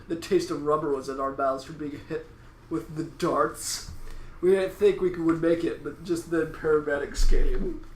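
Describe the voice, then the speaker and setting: A man's voice: a little high, a bit bright. Laughing man reading a silly story. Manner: breaks into laughter while reading. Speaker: podcast host reading a story aloud. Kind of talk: comedic read-aloud with frequent laughter. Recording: echoey room, faint ambient noise.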